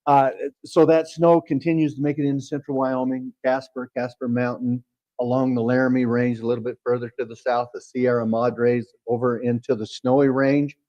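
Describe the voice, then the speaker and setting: A man's voice: medium pitch, flat delivery, moderate pace, warm tone, highs cut off. A man working as a TV meteorologist, explaining the forecast in a folksy way with frequent fillers. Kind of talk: broadcast weather chat.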